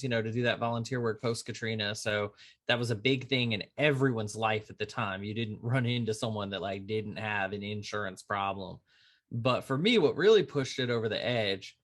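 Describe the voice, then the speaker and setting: Male attorney guest, conversational, animated storyteller, mid-range voice. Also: mid-range voice. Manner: animated storyteller who acts out quoted dialogue. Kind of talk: conversational podcast interview.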